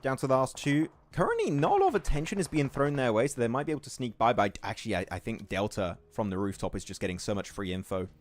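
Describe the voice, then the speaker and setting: Excitable man calling esports live. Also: medium pitch, fast, few pauses, faint music behind. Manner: energetic, excited outbursts, laughs often. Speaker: co-host of an esports watch party.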